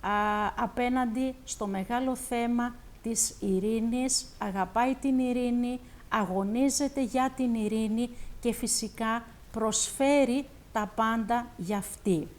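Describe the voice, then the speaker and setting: Greek TV host woman, emphatic. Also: on the high side. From Greece. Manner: warm, emphatic, switches between Greek and English. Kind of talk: TV culture show interview with poetry recitation.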